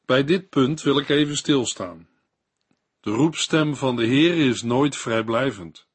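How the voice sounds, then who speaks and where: Slow, husky Dutch-speaking Bible teacher. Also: male voice, mid-range voice. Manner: slow, measured and didactic. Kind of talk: scripted Bible commentary.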